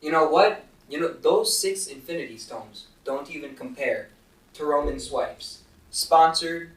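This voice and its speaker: A teenage boy co-hosting a casual podcast with friends, quick with joking quips and teasing. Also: on the high side, animated. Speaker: podcast co-host. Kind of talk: casual chat among friends. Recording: echoey room, from a distance.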